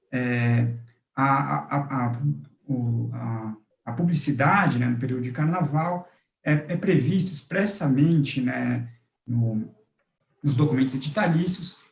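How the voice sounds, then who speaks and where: A man answering questions at a public hearing, speaking in a formal but halting way with fillers. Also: medium pitch, darkish tone. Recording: roomy echoey sound.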